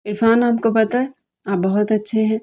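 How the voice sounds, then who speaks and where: A woman's voice: fairly high pitch, steady tone, mellow, lightly acted. A woman voicing a young wife in a romantic audiobook novel, scolding and pleading with her husband.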